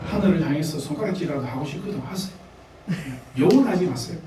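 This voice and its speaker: A man's voice: a little high, expressive, quick pace, warm tone, heavy reverb, recorded from a distance, a little hiss or hum, poor audio. A man with a Gyeongsang Korean accent preaching a sermon, talking conversationally to the congregation with laughs and asides. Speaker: pastor. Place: church sanctuary.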